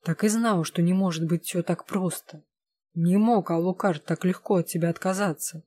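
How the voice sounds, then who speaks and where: A woman's voice: on the low side, fairly even intonation, normal speed, warm tone, husky, no echo. A woman reading the part of a proud, hot-tempered young vampire empress who snaps demands and then pleads. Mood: angry.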